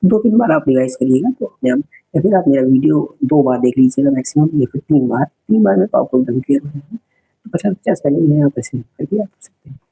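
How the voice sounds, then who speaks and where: A man's voice: a little high, very animated, a little fast, creaky, warm tone, a little hiss or hum, poor audio. A man teaching an exam-prep spelling lesson, repeating each word, spelling it out letter by letter and explaining its meaning to viewers.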